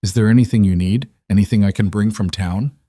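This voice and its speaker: Man doing a weathered ranch hand, kindly, hesitant, concerned, low voice. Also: fairly even intonation, fairly quick, warm tone, dry recording, lightly acted. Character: weathered older ranch hand, awkward but kind.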